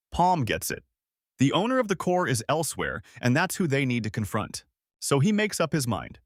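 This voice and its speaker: A man reads a story recap in a scripted narration voice. His pitch moves a lot from line to line, and the delivery is expressive. The recording is dry and close, with no room sound. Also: dry recording.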